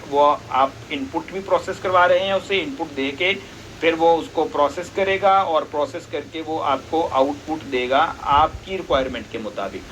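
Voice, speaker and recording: A man with a bright, forceful voice, pitched a little high, teaching a basic lesson. He explains patiently, step by step, and poses questions that he then answers himself. A faint ambience hums behind him. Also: a little hiss or hum, rough recording. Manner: patient, asks and answers his own questions.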